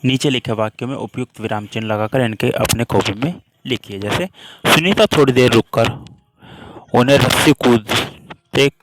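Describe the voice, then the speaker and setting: A man's voice: medium pitch, moderate pace, noisy background. A man teaching a worksheet lesson to children, patiently explaining with repeated examples.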